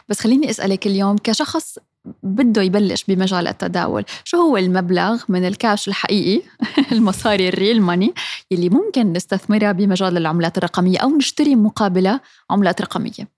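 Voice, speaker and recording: A woman's voice: mid-range voice, quick pace, darkish tone, no echo, studio quality. A woman with a Levantine Arabic accent, presenting a podcast and interviewing as its host.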